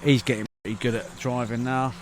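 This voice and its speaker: A man with a mid-range, fairly flat voice talks a little fast, casually vlogging as he films RC car racing at an outdoor track in the evening. He's the channel host, chatty and thinking aloud, recorded on noisy camera audio with cars and track sounds behind him.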